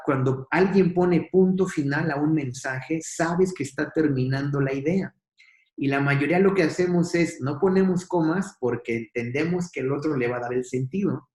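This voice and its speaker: A man's voice: fairly high pitch, darkish tone, reverberant. A man who trains companies in communication, speaking in a casual conversation and telling stories in a reflective, emphatic way.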